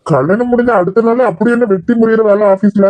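A man's voice: sits high, fast, a little mellow, no room sound, lightly acted, rough recording. A man voicing a protective young male friend in a cartoon drama, scolding and lecturing in Kanyakumari Tamil.

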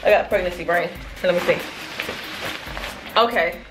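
A woman in her thirties, a family vlogger chatting casually to her viewers in a product review, animated and calling them y'all. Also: on the low side, normal speed, noisy background. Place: small room in front of a plain wall. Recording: echoey room.

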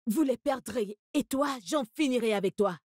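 A haughty rich madam barking orders and tossing insults, in a fairly high voice. The dub is close and dry, with no room around it. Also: female voice, expressive, normal speed, darkish tone, no room sound. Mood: scolding. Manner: imperious, insulting, barks orders. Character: rich, bossy woman scolding her maids. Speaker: actress in a French-dubbed Nollywood film.

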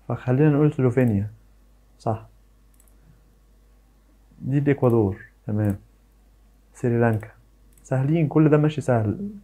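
An Egyptian man chatting casually as he works through a quiz. His voice is mellow and warm, and he thinks aloud, weighing his guesses and poking fun at himself when he misses. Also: medium pitch. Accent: Egyptian Arabic. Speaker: YouTuber. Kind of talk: casual commentary on a flag quiz.

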